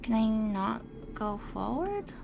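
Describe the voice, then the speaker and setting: A young woman talks casually through a game stream, high-pitched with a gravelly, fried edge, her voice wearing hoarse. She reacts aloud and thanks her chat as she goes. Clear background noise sits under the recording. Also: very animated, slow pace. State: losing her voice.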